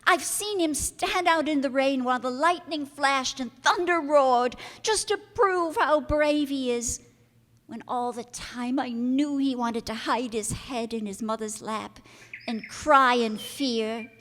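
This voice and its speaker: In this old-time radio play, the innocent girl, performed by a woman, speaks slowly in a high voice. Her tone is earnest and trusting, and she scolds in a gentle way. Her words ring out inside a long hall reverb.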